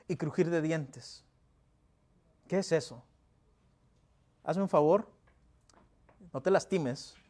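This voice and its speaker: A pastor preaching a sermon in a church, asking rhetorical questions and reading scripture with emphasis. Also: male voice, fairly high pitch, a little mellow. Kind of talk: Spanish-language sermon. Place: church sanctuary.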